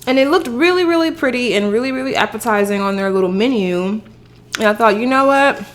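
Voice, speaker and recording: A woman's voice: on the high side, fast. A woman chatting casually to the camera in a rambling way as she hosts an eating show, eating crunchy fried chicken as she talks. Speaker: mukbang host.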